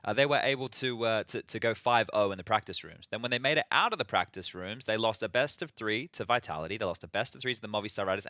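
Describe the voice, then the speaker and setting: A man in an esports broadcast studio previews an upcoming match at a brisk clip, his voice bright and forceful. He talks rapidly and energetically, pulling in his co-caster with quick "right?" checks. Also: on the low side, no echo. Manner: rapid, energetic analysis with frequent "right?" tags.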